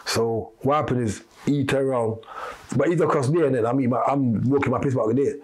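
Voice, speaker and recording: Fast-talking husky man. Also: medium pitch, darkish tone. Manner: street-slang storytelling, rambling with restarts. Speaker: podcast guest. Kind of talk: casual storytelling interview.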